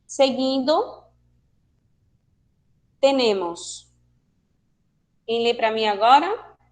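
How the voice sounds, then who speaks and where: A woman's voice: fairly high pitch, lively intonation, drawn-out words. A woman teacher with a Brazilian accent, explaining a language lesson patiently and asking her students questions. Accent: Brazilian Portuguese. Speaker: Spanish teacher. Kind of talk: online class lesson.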